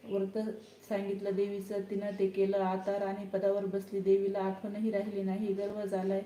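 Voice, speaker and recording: A woman's voice: mid-range voice, warm tone, slight background noise, natural voice. A woman voicing a goddess disguised as an angry old beggar woman, scolding and bitter. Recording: roomy echo.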